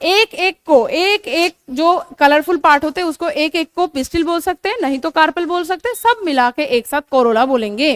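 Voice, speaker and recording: A woman's voice: high-pitched, lively intonation, normal speed, few pauses, fairly bright tone, no room sound, studio quality. A young woman teaching biology in a coaching class, explaining terms with frequent check-ins, repeating herself and correcting her own slips. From India. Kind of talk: classroom lecture mixing Hindi and English terms.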